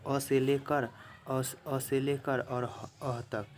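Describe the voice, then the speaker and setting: A male teacher giving an exam-prep grammar lesson, repeating each definition slowly and talking to viewers as friends. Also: mid-range voice, little pitch movement. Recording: faint background noise.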